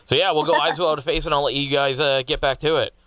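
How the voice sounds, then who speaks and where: A man from British Columbia hosting a casual radio interview, chatty and quick to laugh. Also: fairly high pitch, fairly even intonation, pushed and bright, no room sound. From British Columbia, Canada. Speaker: radio host.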